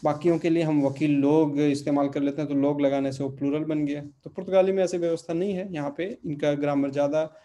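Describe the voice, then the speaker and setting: A man's voice: on the high side, steady tone, quick pace, hardly any pauses, warm tone. A man teaching a Portuguese lesson, patiently repeating word forms and checking in with his students. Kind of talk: online language lesson.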